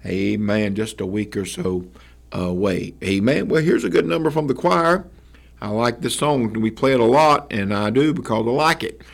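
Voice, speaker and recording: A man, hosting a church radio broadcast and giving announcements in a folksy, halting way with many fillers and amens. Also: lowish voice, gravelly. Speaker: radio host and church pastor.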